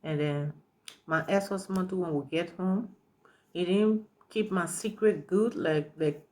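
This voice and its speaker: A woman in her forties from Liberia speaks in a lowish, unhurried, slightly mellow voice with a Liberian accent. Talking to camera, she earnestly gives a personal testimony, often repeating herself with "you know" and "right".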